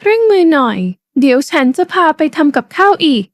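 A woman voicing a bossy, tipsy wife who loudly mocks her drunk husband by acting drunk herself, taunting him with a slurring, rowdy delivery in a dry storybook reading. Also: high voice, animated, brisk, dry recording. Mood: bossy mocking.

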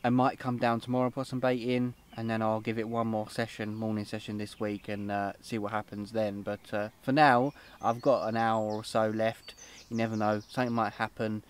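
A man's voice: on the low side, level tone, moderate pace, clean tone. A young British man vlogging outdoors at a lake, talking in an upbeat, rambling way with lots of fillers, filmed on a camera close by. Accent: British English. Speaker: fishing vlogger. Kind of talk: casual outdoor vlog. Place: lakeside, outdoors and under a fishing shelter.

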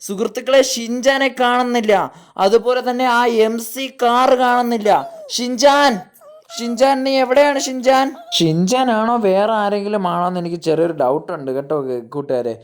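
A woman's voice: medium pitch, brisk, a little hiss or hum. A woman giving dramatic, exclaiming gameplay commentary in character, constantly talking to her viewers. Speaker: gaming YouTuber.

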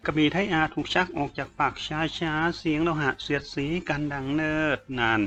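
A man narrating a martial arts novel as an audiobook in a steady, storytelling way, on a dull lo-fi recording. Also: a little high, moderate pace.

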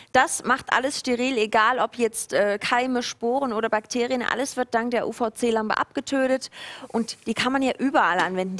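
A woman's voice: on the high side, fairly bright tone. A woman in her thirties co-presenting a teleshopping show in a studio, selling in an informal, conversational way. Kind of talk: chatty sales pitch. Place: TV studio set. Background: background music.

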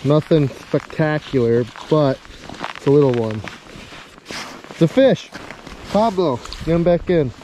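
Guy vlogging on a frozen lake, slangy buddy talk, kinda high voice, some outdoor noise. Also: animated, a little slow, long pauses, mellow, low-quality recording. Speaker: fishing vlogger. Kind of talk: casual outdoor vlog chat.

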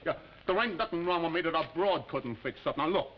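A man's voice: fairly high pitch, a little fast, a little hiss or hum, lightly acted. An actor playing a crude, boastful young male astronaut with an American accent, swaggering and stammering in 1950s television drama. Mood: griping. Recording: dull lo-fi 1950s TV audio.

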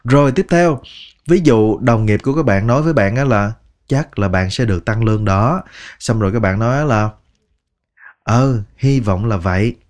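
A man with a Vietnamese accent teaching English phrases, slowly repeating each word one at a time. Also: lowish voice, darkish tone. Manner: slow, patient, repeats words one by one. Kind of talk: language lesson narration.

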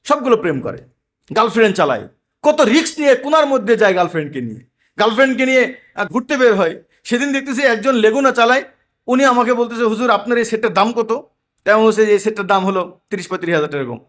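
A man's voice: sits high, animated, quick pace, fairly bright tone. A man preaching an emphatic sermon to a gathering, telling everyday anecdotes.

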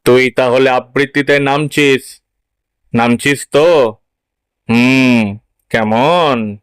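A man voicing a boastful, insistent middle-aged father in a story reading, loud and coaxing. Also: medium pitch, very slow, clear, resonant tone, pitched below the performer's own voice.

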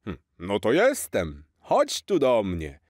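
A man voicing a jolly, kind old Santa Claus in a children's storybook, slow, hearty and fatherly. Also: on the low side, wildly swooping pitch, dry recording, studio quality, exaggerated voice. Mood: gentle. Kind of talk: storybook character voice.

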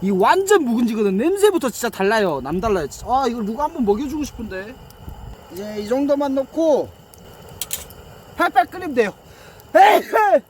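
A man's voice: very high voice, sing-song, fairly quick, slight background noise. A man chatting casually as he narrates his own cooking and eating vlog. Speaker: mukbang vlogger.

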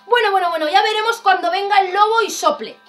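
A woman voicing a frightened young male piglet in a storybook, squealing repeated words high and fast. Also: faint music behind. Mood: fearful. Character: frantic, frightened little boy piglet.

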